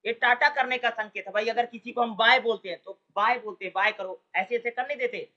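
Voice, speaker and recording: Man, teacher, exam-prep lecture, bright sharp voice, rhetorical questions, dull lo-fi sound. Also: very high-pitched, fairly even intonation, brisk. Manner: keeps asking rhetorical questions and answering them; calls listeners "brother", colloquial.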